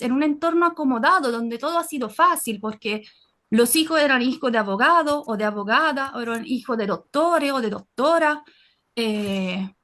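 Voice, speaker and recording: On a video call, a woman from Naples, Italy, whose first languages are Italian and Neapolitan, offers a reflective personal comment as an audience participant in an online session. Her high, fairly bright voice sounds earnest and hesitant, with frequent fillers and restarts.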